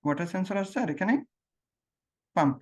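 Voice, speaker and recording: A man's voice: high voice, a little fast. Man who quizzes and repeats. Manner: asks questions and answers them himself, repeats key phrases. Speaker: teacher. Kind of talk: explaining logic gates on a screen demo.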